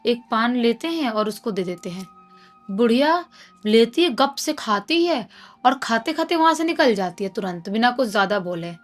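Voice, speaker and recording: A woman's voice: fairly high pitch, expressive, moderate pace, faint music behind. A woman narrating a horror story in a dramatic, conversational way. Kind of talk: casual spoken storytelling.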